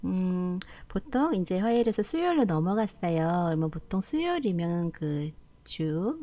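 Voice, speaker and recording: A woman's voice: fairly low pitch, warm tone. A middle-aged woman hosting a casual live stream, talking motherly to viewers as her children and laughing often.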